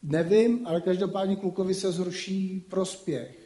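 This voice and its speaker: High-voiced man lecturing in an echoey room. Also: fairly even intonation, dark tone. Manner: colloquial, peppered with rhetorical asides. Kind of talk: casual spoken lecture. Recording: roomy echo.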